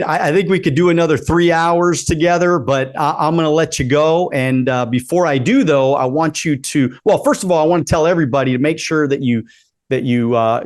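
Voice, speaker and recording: A man's voice: on the high side, no echo. A man in his late forties hosting a casual interview, upbeat and encouraging, often repeating himself as he talks. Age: 40s. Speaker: podcast host.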